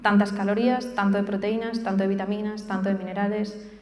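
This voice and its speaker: A woman's voice: mid-range voice, flat delivery, fast, darkish tone. A woman answering questions as a nutrition specialist, explaining informally and often checking that she is understood. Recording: echoey hall with long reverb.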